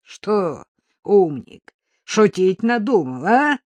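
A woman doing a gravelly, sneering male mugger. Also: mid-range voice, very animated, slow pace, darkish tone, no echo. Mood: menacing. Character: menacing male street robber, rough and mocking.

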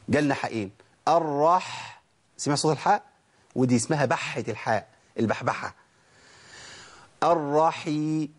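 A man's voice: a little high, breathy edge. An Egyptian man teaching Quran recitation, drilling letter sounds aloud and asking and answering his own questions. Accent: Egyptian Arabic. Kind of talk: tajweed lesson.

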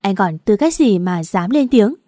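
A woman's voice: mid-range voice, animated, normal speed, dark tone, no echo, studio quality, close to an everyday voice. A woman voicing a spiteful, cruel young sister-in-law in a narrated story, mocking and taunting.

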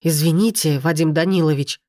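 A woman's voice: low-pitched, fairly quick, a little mellow, no room sound, clean studio sound, natural voice. Woman voicing a shaken heavyset father. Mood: pleading. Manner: mumbling, pleading.

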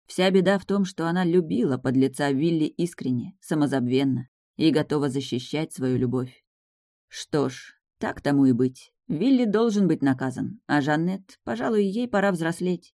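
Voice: medium pitch, normal speed, no room sound. Dry, ironic audiobook narrator. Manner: ironic, even first-person storytelling. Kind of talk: scripted fantasy narration.

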